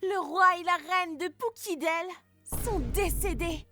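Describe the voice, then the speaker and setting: A woman voicing a pompous, scornful town crier, declaiming in drawn-out phrases for a comedy story. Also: extremely high pitch, over music, pitched above the performer's own voice. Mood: proclaiming.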